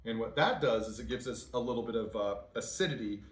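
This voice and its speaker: A man hosting a home cooking video, talking through his steps in a relaxed, rambling way with many ums and uhs in his home kitchen. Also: mid-range voice, fast, echoey room. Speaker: home cooking channel host. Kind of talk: casual cooking demonstration.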